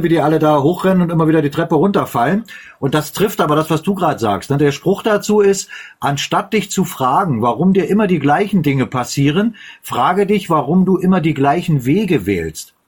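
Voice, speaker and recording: A man who hosts a casual political chat, talking in a relaxed way with plenty of fillers. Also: a little high, normal speed, breathy edge. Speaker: host.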